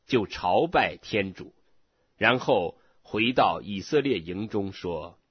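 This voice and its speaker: Slow, husky low-voiced man reading scripture. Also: lively intonation, no echo. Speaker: scripture reader. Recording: dull lo-fi recording.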